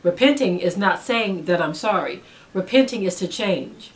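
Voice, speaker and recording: Preaching like a religious teacher, a woman urges her listeners on with repeated phrases, earnest and emphatic. Her medium-pitched voice is animated and moves at a normal pace, though the recording is rough.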